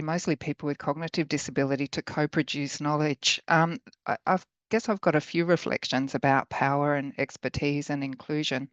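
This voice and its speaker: A middle-aged woman with a croaky, hoarse voice gives an informal, thoughtful conference talk as a researcher. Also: sits low, no echo. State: hoarse after illness. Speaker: academic researcher giving a talk. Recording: dull lo-fi call audio.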